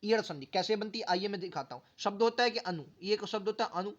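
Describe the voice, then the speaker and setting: Speaking fast in a high voice, a male teacher leads an exam-prep grammar lesson, drilling words aloud syllable by syllable and questioning his students over and over. The audio sounds dull.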